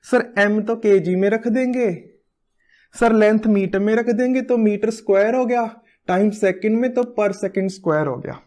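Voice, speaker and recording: A man's voice: sits high, measured pace, a little mellow. A man voicing a dutiful male student. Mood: answering. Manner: dutiful, answering step by step. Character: eager male student answering the teacher.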